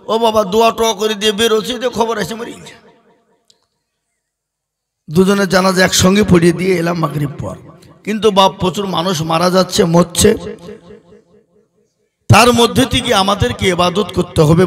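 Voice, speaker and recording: High voiced preacher guy, singsong sermon, keeps asking the crowd stuff. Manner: rhetorical questions to the crowd, listing in rhythmic runs; half-sung cadence, swings from loud to soft. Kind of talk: sermon at an open-air religious gathering.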